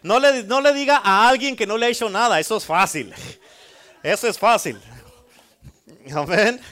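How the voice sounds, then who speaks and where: A male pastor with a notably high-pitched voice. He preaches in a call-and-response style, repeating phrases and pausing for the congregation's amens. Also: sharp tone. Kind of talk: sermon.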